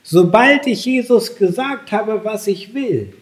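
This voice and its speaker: A man preaching a sermon, slow and emphatic, his voice lifting sharply on the key phrases. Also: high-pitched, lively intonation.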